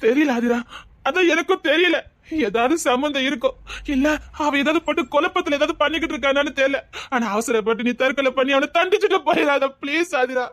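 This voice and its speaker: A woman's voice: high-pitched, fairly quick, fairly bright tone, no echo. A woman playing a tearful, begging young woman. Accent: Tirunelveli Tamil. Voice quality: pleading, tearful. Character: young woman desperately begging her friend to live.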